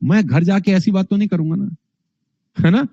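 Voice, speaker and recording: High-voiced energetic male speaking trainer. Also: normal speed, vocal fry, no room sound. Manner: energetic and animated, acts out examples. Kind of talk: motivational lesson. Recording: dull, dry recording.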